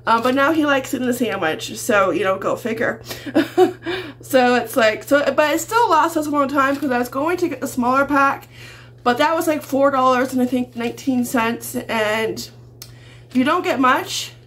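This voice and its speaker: A Canadian woman with a high, fairly bright voice rambles through a casual, chatty grocery haul vlog at a moderate pace, chuckling often. She's indoors in a small home kitchen, and the camera audio picks up the room's noise.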